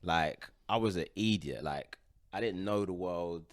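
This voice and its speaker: A man's voice: sits low, measured pace, no room sound, clean studio sound. A man in his thirties with a London accent, chatting casually and using plenty of slang. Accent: London British. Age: 30s. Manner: slangy, conversational. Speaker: podcast host. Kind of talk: casual chat.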